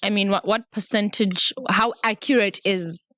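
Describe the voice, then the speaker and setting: A woman's voice: medium pitch, fairly even intonation, normal speed, fairly bright tone, dry recording. A woman co-hosting a casual podcast, playful and candid, teasing her co-host as she talks into a studio mic. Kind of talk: casual chat.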